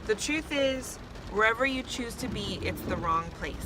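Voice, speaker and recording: A man's voice: high-pitched, animated, normal speed, background noise. A man chatting casually in short, simple remarks. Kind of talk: casual chat.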